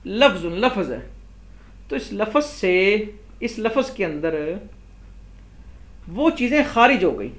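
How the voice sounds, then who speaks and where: A man's voice: high voice, sing-song, long pauses, fairly bright tone. A man with a Pakistani Urdu accent, teaching a classroom grammar lesson and explaining step by step as he raises and answers objections. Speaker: Islamic scholar teaching Arabic grammar.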